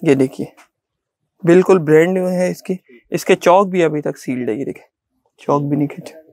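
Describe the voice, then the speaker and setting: Middle-aged male shopkeeper, Pakistani Urdu accent, insistent repetitive sales talk, fairly high voice, dry shop recording. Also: normal speed, warm tone, no echo. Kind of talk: sales pitch to a vlogger. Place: small indoor clothing shop.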